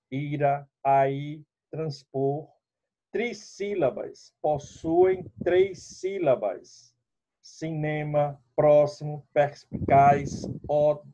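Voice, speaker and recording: Slow, dark-voiced male teacher. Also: a little high. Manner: explanatory, addresses students directly. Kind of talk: classroom lesson. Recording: dull lo-fi recording.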